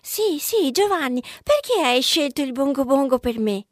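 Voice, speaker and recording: A woman's voice: high-pitched, very animated, moderate pace, dry recording, clean studio sound. A woman voicing a dreamy little girl who loves birds, talking in a playful sing-song way. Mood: dreamy, eager.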